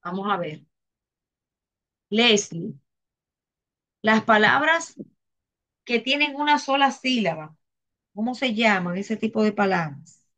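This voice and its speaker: A woman's voice: medium pitch, expressive, fairly bright tone. Dominican woman teacher asking the class questions. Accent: Dominican Spanish. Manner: slow, repeats herself, asks the class questions. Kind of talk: classroom grammar lesson.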